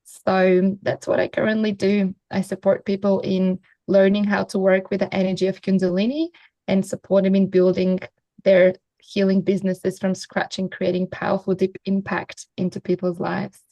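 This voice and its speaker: A woman from Bulgaria, a Kundalini teacher, giving calm, flowing interview answers. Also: mid-range voice, moderate pace, dry recording. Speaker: guest.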